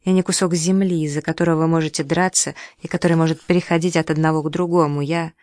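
An audiobook reader voicing a proud, sharp-tongued young woman who speaks with sarcasm and indignation. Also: low voice, steady tone, fast talker, no echo, studio quality, natural voice. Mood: furious. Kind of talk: audiobook dialogue.

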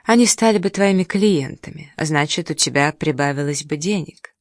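A reader voicing a sharp-tongued young woman who snorts and teases, in a storybook reading. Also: deep voice, moderate pace, no echo, studio quality. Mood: teasing. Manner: mocking, teasing.

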